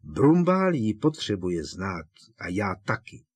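Audiobook: an earnest teen boy pressing his point, quiet but unyielding, voiced by a man. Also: on the low side, very animated, husky, no echo. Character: teenage boy wizard, grim, insistent.

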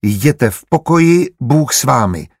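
A man's voice: medium pitch, expressive, breathy edge, dry recording, studio quality, voice pushed up. A man voicing a stern, suspicious young Jesuit who questions people in a commanding way.

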